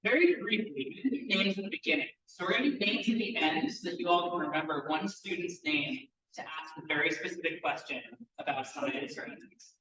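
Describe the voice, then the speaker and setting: A man moderating a student presentation, announcing in a brisk, upbeat way. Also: on the high side, sharp tone. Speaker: session moderator. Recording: roomy, distant, dull recording.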